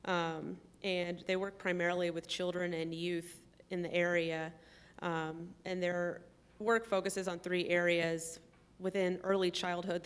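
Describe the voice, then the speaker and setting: Flat-voiced woman explaining things carefully. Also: on the low side, clear, resonant tone. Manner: measured, explains step by step with frequent ums. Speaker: trip participant. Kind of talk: conversational explanation.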